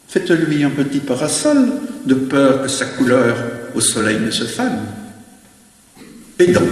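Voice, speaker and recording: A man playing a witty, proud French gentleman in a theatrical verse monologue, declaiming in a hammy, grandiloquent stage manner with shifting tones. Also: on the high side. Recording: very echoey hall, long reverb.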